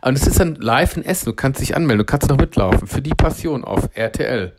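Ein Mann, der als Moderator locker, begeistert und ironisch über Fernsehsendungen plaudert. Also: male voice, medium pitch, expressive, fast, heavy background noise. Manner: chatty, enthusiastic and ironic. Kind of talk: casual chat.

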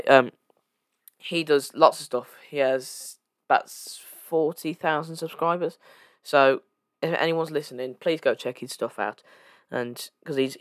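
Man, young adult, podcast host, casual rambling chat, lots of ums and restarts, middle pitch, dry close sound. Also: dry recording. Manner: rambling, full of fillers and self-corrections.

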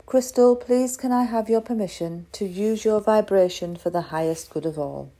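A woman guiding a crystal meditation in a slow, soft, soothing way. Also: mid-range voice. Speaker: meditation guide.

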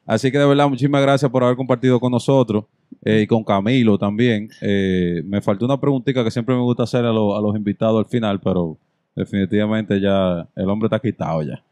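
A man's voice: fairly low pitch, steady tone, fairly quick, warm tone, dry recording. A man with a Dominican Spanish accent hosting a podcast in casual slang, repeating his phrases for emphasis. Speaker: podcast host.

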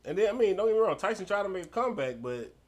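A man co-hosting a podcast in casual chat, talking in animated slang and often laughing. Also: sits high, very fast. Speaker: podcast co-host.

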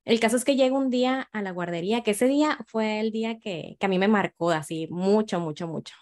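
A woman's voice: mid-range voice, fairly quick, darkish tone. A woman, telling her own story as a mother in a casual conversation, frank and emotional, with many restarts and repeated words.

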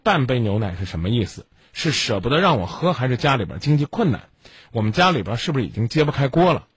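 A man's voice: medium pitch, big pitch swings, fast talker, breathy edge, no echo. A man hosting a call-in advice show, lecturing bluntly with rhetorical questions. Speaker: radio advice host.

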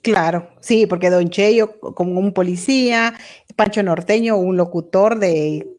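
A woman hosts an online interview, listening with attention and backing up her guest with quick affirmations. She also reads out messages sent in by viewers. Her voice sits at an ordinary pitch for a woman. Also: a little mellow. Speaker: interview host.

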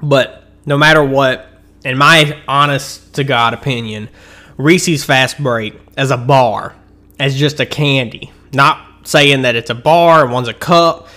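A bright-toned man talks through a snack review in a loose, rambling way. He restarts his sentences and fills gaps with ums. He keeps chewing candy between his thoughts. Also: mid-range voice, measured pace. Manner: eating and chewing while he talks. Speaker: host of a candy-rating show.

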